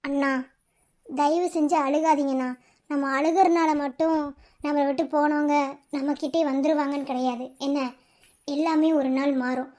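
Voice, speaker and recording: A performer playing a soft-spoken younger cartoon character with a Madurai Tamil accent, pleading and reassuring an older brother. The voice sits high and gentle. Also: fairly even intonation, normal speed, pauses often, close to an everyday voice. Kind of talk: cartoon voice acting.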